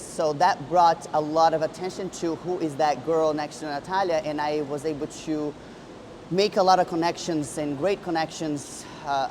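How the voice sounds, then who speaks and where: Woman telling her story to the camera, earnest, restarts a lot, noisy in back. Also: low voice. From Brazil. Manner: earnest, reflective, with frequent restarts. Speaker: bodybuilder and coach. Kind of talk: personal storytelling vlog.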